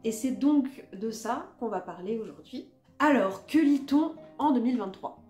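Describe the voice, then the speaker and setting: A woman's voice: a little high, animated, normal speed, dark tone, roomy sound, faint music behind. Chatty self-mocking woman vlogger. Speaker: book vlogger. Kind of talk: casual chat about a reading list.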